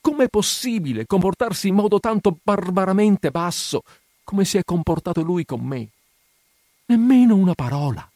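A man reading aloud, voicing a heartbroken, desperate young woman who pleads in high, anguished cries. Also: sing-song, normal speed, mellow, dry recording, studio quality.

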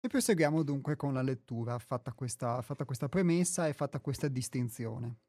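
An Italian-accented man hosting a radio talk, reading a spiritual text aloud and explaining it in a measured, reflective way with frequent restarts. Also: mid-range voice, darkish tone, dry recording, studio quality.

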